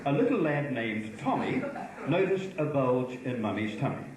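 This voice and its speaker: A man's voice: medium pitch, moderate pace, a crowd in the background. A man telling joke news stories as a comic performer on stage. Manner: lively storytelling. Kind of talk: mock news reading. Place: theatre stage. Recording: echoey stage recording in a hall.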